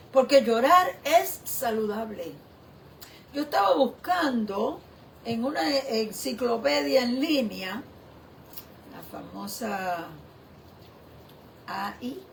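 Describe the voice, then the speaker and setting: A woman pastor preaching a sermon in a slow, reflective way, often asking the listener questions. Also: fairly high pitch, gravelly, slight background noise.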